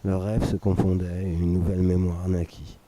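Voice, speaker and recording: A man reading a scripted dramatic story for radio in a measured, solemn, literary way. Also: low voice, completely flat delivery, dark tone, rough recording. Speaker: narrator. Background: music under the voice.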